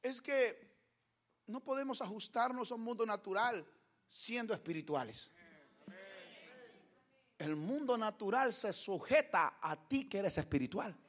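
Brief: male preacher, very high voice, slow deliberate delivery, fervent and emphatic. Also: expressive, fairly bright tone, slight background noise. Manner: emphatic, rhetorical questions. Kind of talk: fervent sermon.

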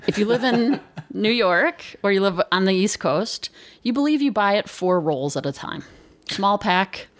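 As a guest on an interview show, an agency CEO with a Chicago accent talks conversationally at a measured pace in a medium-pitched, animated voice. She's emphatic and candid and likes to joke.

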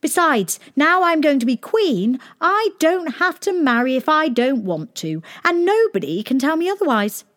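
A woman voicing a spirited, headstrong young princess who has just become queen, speaking high and emphatically. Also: big pitch swings, normal speed, hardly any pauses, fairly bright tone. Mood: defiant.

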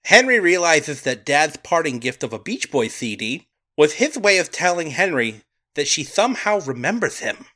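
A man's voice: a little high, big pitch swings, moderate pace, few pauses, bright, forceful tone. A man co-hosting a podcast, recapping a movie plot and sharing trivia in casual chat, laughing often. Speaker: podcast co-host.

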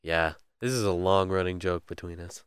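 A man's voice: deep voice, fairly even intonation, moderate pace, clean tone, dry recording. A man co-hosting a casual chat and reading book quotes aloud, giggly and joking. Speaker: podcast co-host.

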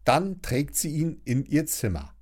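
A man narrating a children's audiobook with an expressive storytelling delivery. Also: on the high side, a little slow.

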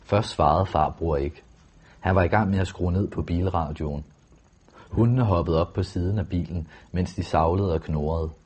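Deep, husky male narrator. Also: darkish tone. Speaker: audiobook narrator. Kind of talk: first-person novel reading.

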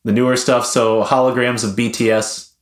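A man's voice: mid-range voice, flat delivery, moderate pace, echoey room. A man casually telling a long, wry story in a rambling, hesitant way. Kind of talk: casual chat.

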